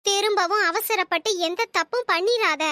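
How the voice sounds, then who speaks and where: A woman's voice: very high voice, moderate pace, pushed and bright, no echo, studio quality, faint music behind. A woman voicing a stern, manipulative middle-aged mother in a cartoon story, lecturing her son and pleading with put-on tears. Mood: scolding. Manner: scolding, lecturing, fake tearful pleading.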